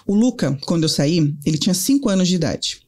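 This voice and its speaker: Brazilian woman, lively storyteller. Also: on the low side, fast talker. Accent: Brazilian Portuguese. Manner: lively storyteller, acts out quoted dialogue. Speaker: guest, life coach and psychotherapist. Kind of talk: casual talk show conversation.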